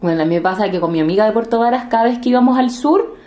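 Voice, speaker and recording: A woman's voice: fairly high pitch, very fast, warm tone, echoey room, lo-fi sound. A woman from southern Chile with a southern Chilean accent, co-hosting a casual podcast chat and laughing often. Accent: southern Chilean Spanish. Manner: laughing, imitates other accents. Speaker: podcast co-host.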